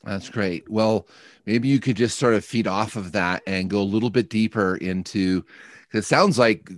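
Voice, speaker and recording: A man's voice: on the low side, normal speed, dry recording. A man hosting a podcast interview, asking friendly, rambling questions with lots of fillers. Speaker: podcast host. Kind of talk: casual interview.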